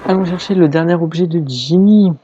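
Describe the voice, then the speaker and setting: A man's voice: high-pitched, brisk, warm tone, highs cut off. A tired, yawning man giving casual, rambling commentary while playing a video game, with game music behind. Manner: chatty, rambling asides. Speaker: let's play gamer.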